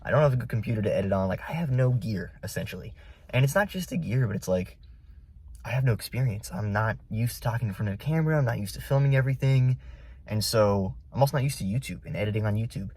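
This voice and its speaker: A man's voice: medium pitch, animated, fast, a little mellow, breathy edge. A man chatting casually to his phone camera as an amateur vlogger.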